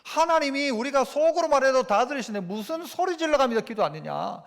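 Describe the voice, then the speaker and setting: A man preaching in a church sanctuary, his voice sitting high and leaping through a wide, animated range. He keeps turning to the congregation with rhetorical questions. A long reverb from the hall trails after each phrase. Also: a little fast, vocal fry. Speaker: pastor. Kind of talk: sermon.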